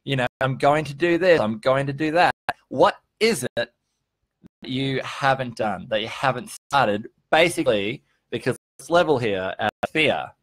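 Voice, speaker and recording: Answering viewers on a casual motivational livestream, a man in his early thirties speaks informally and earnestly, swearing at times and stressing his points. His medium-pitched voice is expressive at normal speed; the recording is rough but has no echo.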